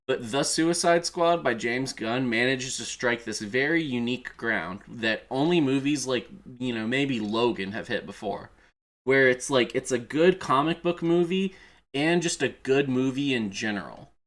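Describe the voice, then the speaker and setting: A male streamer and video creator with a mid-range, slightly bright voice chats casually at a measured pace on a livestream. He sounds like an enthusiastic fan and swears now and then, with background music playing behind him.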